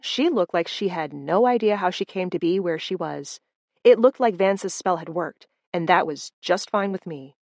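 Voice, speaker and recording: A woman narrating a first-person audiobook in a steady, expressive storytelling voice. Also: medium pitch, dry recording, clean studio sound.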